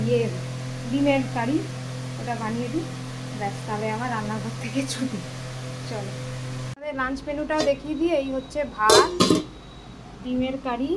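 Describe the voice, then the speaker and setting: A woman, chatting casually through her household routine as a home vlogger. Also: fairly high pitch. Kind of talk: casual home vlog narration. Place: home, garden, balcony and kitchen. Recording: loud background noise from cooking.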